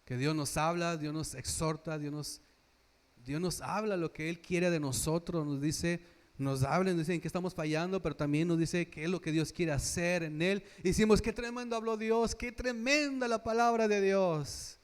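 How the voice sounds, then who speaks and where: A man with a high voice preaches a church sermon. He keeps asking the congregation questions and repeating phrases for weight. His delivery swells to loud, emphatic stretches, then sinks low at the close of each line. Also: steady tone, normal speed. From Mexico. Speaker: pastor.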